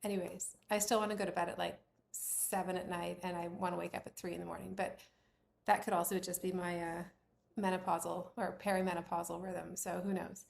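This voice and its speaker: A Bermudian woman in her forties or fifties hosts a knitting podcast from a room at home with the doors closed, chatting and rambling with lots of fillers. Her voice is a little croaky, fairly low, and flat, with a brisk pace. The room sounds echoey, with slight background noise.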